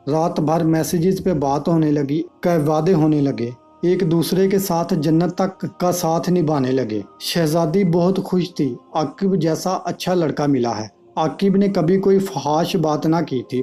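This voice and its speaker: A man narrating a moral story in a steady, scripted reading. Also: a little high.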